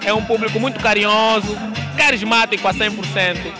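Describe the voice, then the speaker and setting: Male interviewee, thirties, very high voice, crowd background. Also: steady tone, a little fast. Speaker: comedian being interviewed. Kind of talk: on-camera interview. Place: outdoor venue at night. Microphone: handheld reporter microphone. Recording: crowd and music behind.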